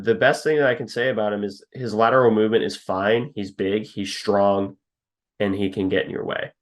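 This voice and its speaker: A young man co-hosting a podcast, casually breaking down a football team's linemen, reading stats and laughing at his own jabs. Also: on the low side. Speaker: podcast co-host. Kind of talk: casual football scouting talk.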